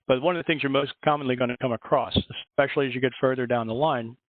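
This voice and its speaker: A man's voice: medium pitch, no echo. Philadelphia man, tinny dry call audio. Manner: chatty, rambling, self-correcting. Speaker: librarian. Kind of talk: online workshop presentation.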